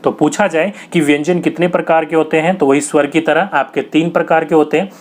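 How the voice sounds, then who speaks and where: A man's voice: on the high side, fairly even intonation, brisk. A young man teaching a grammar lesson for exam prep, asking questions and answering them himself in a patient, repetitive way.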